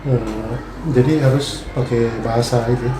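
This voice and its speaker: A man's voice: mid-range voice, fairly even intonation, normal speed. Distant man asking questions in an echoey room. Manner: asks short questions of the teacher. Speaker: study circle attendee. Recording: echoey room with noise, from far off.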